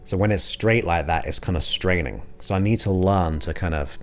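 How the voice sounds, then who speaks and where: This man in his forties has a low-pitched voice and a moderate pace. Hosting a livestream, he chats casually with live viewers, rambling as he thanks them by name.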